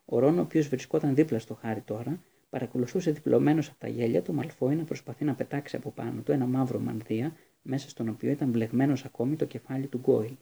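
A man narrating a novel aloud in a measured storybook way, with small slips. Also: medium pitch, vocal fry, mellow, breathy edge. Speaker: audiobook narrator.

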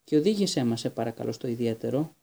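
A man's voice: mid-range voice, lively intonation, gravelly, dark tone, husky. A man reading an audiobook voices a tired, curt middle-aged male minister in a stiff, clipped manner.

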